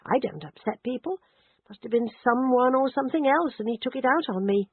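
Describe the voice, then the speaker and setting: A woman narrator voicing a self-assured middle-aged woman detective who talks in a brisk, insistent way. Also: sits high, animated, husky, pitched above the performer's own voice. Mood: firm. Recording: dry, narrowband phone-like audio.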